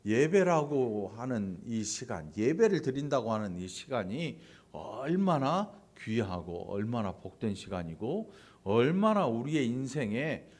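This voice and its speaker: A male pastor preaching a sermon in a church, animated and prodding his congregation with quick asides. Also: medium pitch. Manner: animated preaching, acting out quoted voices, frequent "응?" and "어?" to the congregation. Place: church sanctuary.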